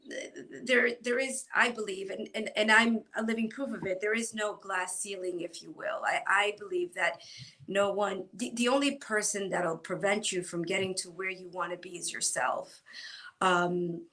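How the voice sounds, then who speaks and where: Female guest, middle-aged, from Ecuador, sincere and encouraging, halting conversational delivery. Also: medium pitch, a bit bright. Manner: earnest, repeats words as she restarts sentences. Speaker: guest, former Marine. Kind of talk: conversational interview.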